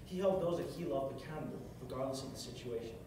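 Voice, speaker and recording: This young man talks fast in a mid-range voice, preaching a short, earnest sermon and repeating phrases for emphasis. He's at a music stand on the stage of a big carpeted hall. The far-off camera across the room yields an echoey, hissy, noisy recording.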